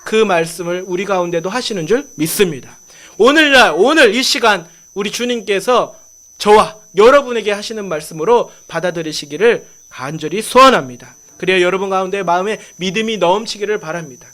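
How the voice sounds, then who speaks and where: A male pastor preaching a Sunday sermon, putting questions to his congregation and reading scripture slowly with emphasis. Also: high voice, fairly bright tone. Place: church sanctuary.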